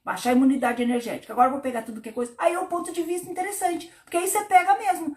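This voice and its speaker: A woman therapist, hosting a relaxed spiritual talk on a live stream. Her voice sits high, and she talks with lively swings, dropping to a low murmur when she plays out her own inner thoughts. The sound has a noticeable echo from the room.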